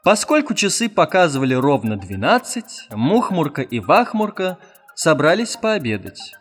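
A man reads a fairy tale aloud with a fairly high, lively voice that rises and falls a lot. His storytelling is expressive and animated, with faint music underneath. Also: moderate pace, breathy edge. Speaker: audiobook narrator. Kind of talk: storybook narration.

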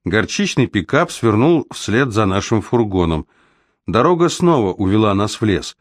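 A man reading a novel aloud as an audiobook narrator, in a steady, even storytelling manner. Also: fairly low pitch, moderate pace, dry recording, clean studio sound. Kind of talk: scripted narration.

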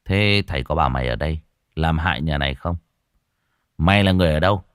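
A man voicing a cocky young exorcist who talks in a rough, taunting, swaggering way. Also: rumbling low, fast talker, a bit bright, no room sound, clean studio sound, voice pushed down. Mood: gruff stern. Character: cocky gruff young male exorcist, mocking and bossy.

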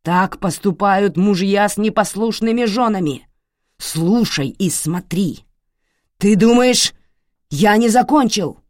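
A woman's voice: medium pitch, very animated, measured pace, few pauses, warm tone, dry recording, clean studio sound, pitched above the performer's own voice. A woman voicing a roaring, furious father. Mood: furious shouting. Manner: roaring, threatening. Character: violent enraged middle-aged father.

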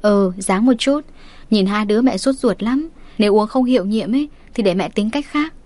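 A woman voicing a middle-aged mother-in-law who speaks calmly and firmly. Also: mid-range voice, moderate pace, no echo, lightly acted. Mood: urging.

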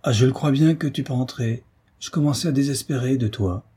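A man's voice: medium pitch, brisk, mellow, breathy edge, pitched above the performer's own voice. A man voicing a rich, spirited young nobleman, ironic and full of exclamations, in a read-aloud historical novel. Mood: ironic, lively.

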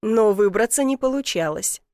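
A woman's voice: medium pitch, expressive, normal speed, warm tone, dry recording, studio quality. A woman reading a first-person audiobook story in a wry storytelling manner. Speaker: narrator. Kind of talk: audiobook narration.

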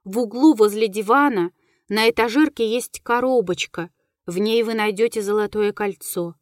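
A woman's voice: medium pitch, moderate pace, no room sound, studio quality, lightly acted. A woman voicing the plaintive, mocking ghost of a young lady in an audiobook.

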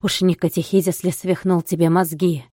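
A woman reading an audiobook voices a scornful old male villager who mocks calmly and coldly. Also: fairly low pitch, moderate pace, breathy edge, dry recording, studio quality. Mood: mocking, scornful. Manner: mocking, calm and cold.

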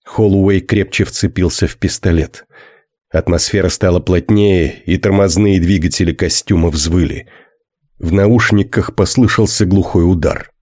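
A man narrating a science fiction audiobook in a steady, measured way. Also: low voice, no room sound, studio quality.

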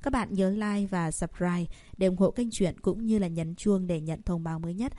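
A woman narrating a serialized romance novel as an audiobook reader, in steady storytelling. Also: lowish voice, normal speed, no room sound.

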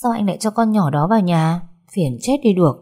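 A woman's voice: on the low side, lively intonation, a little fast, warm tone. A woman voicing a spoiled young mistress who complains petulantly in a story. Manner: whiny and petulant.

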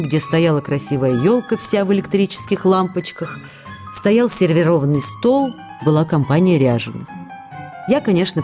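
A woman voices a warm, outgoing actress writing letters to her husband, and she reads them on the radio in a close, chatty, expressive style. Her voice sounds natural and sits fairly low.

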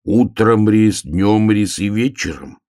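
A man voicing a naive, chatty little hedgehog in a storybook reading, raised and insistent, with a husky voice. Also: on the low side, expressive, slow pace, darkish tone, voice pushed up. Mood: boastful.

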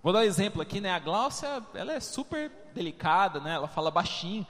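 A man's voice: high-pitched, big pitch swings, quick pace, a bit bright, in a large hall. A male pastor preaching a conversational, humorous sermon, often tagging his sentences with questions to the congregation. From Brazil. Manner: humorous, conversational, constant tag questions, addresses congregation as "amados". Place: church hall.

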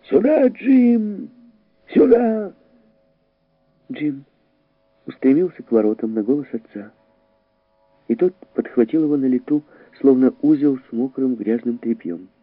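A man reading an audiobook story aloud in a dramatic, expressive way, heightening his voice for the characters. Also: medium pitch, normal speed, dry recording, narrow, tinny audio. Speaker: audiobook narrator.

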